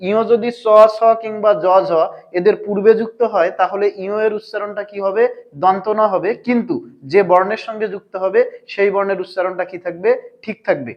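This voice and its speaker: A man's voice: high-pitched, steady tone, brisk, muffled recording. A man teaching a language lesson, asking his viewers questions and answering them himself. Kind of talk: explanatory grammar lesson.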